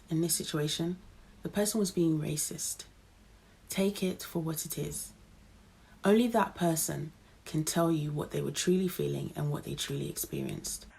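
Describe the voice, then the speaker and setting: A woman with a low, gravelly voice speaks in an earnest, advising way. Her tone is dark and husky as she gives reflective interview answers.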